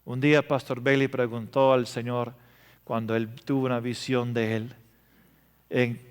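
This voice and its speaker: A man preaching a sermon, telling emotional stories and swinging between loud passages and hushed ones. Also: medium pitch, level tone, a little slow, clean tone. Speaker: pastor. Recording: reverberant hall.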